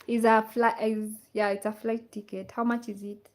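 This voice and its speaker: A woman's voice: a little high, level tone, moderate pace, darkish tone. A woman from Kenya hosting a casual livestream, reading out viewer comments and repeating her questions to the audience. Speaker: livestream host. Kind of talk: casual live chat with viewers.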